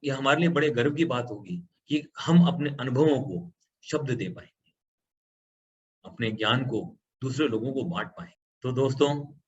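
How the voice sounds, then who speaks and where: Man, computer tutorial, patient step-by-step explaining, slightly muffled recording, faint background noise. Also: mid-range voice. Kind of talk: screen-recorded software tutorial. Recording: slightly dull lo-fi audio with faint background hum.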